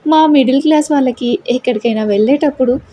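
Woman doing a sweet shy young wife, soft and hesitant, high warm voice. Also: fast, slight background noise, natural voice.

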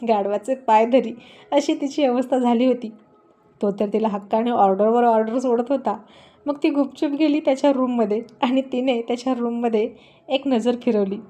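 A woman narrating a serialized love story, voicing every character expressively. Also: a little high. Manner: expressive, acts out all characters.

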